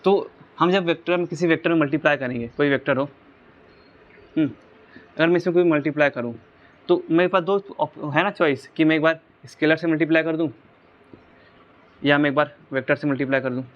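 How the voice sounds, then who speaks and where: A man's voice: a little high, fairly even intonation, fairly quick, long pauses, highs cut off. A man teaching a physics lesson, explaining each step and checking in with rhetorical questions.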